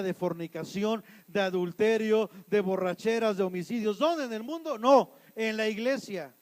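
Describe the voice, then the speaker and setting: A Mexican pastor preaching a sermon in church, asking the congregation questions and answering them, shifting between loud emphatic lines and quiet asides. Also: male voice, high-pitched, low-quality recording. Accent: Mexican Spanish.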